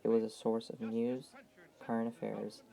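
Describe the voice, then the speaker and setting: A man reading scripted documentary narration in a measured, even, gravelly voice. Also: mid-range voice.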